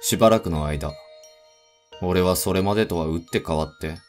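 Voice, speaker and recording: A man narrating a first-person horror story in a deliberate, suspenseful way. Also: sits low. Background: background music.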